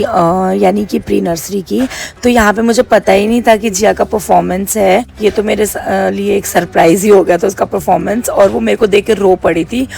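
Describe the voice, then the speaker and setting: A woman's voice: medium pitch, vocal fry, a little mellow. A woman vlogger narrating over her footage in a chatty, recounting way.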